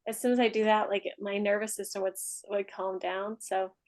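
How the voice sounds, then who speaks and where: This is a low-quality recording of a woman whose medium-pitched delivery is flat. As a mastermind group leader she chats, laughs a lot, and shifts from coaching talk into a soft, unhurried meditation voice.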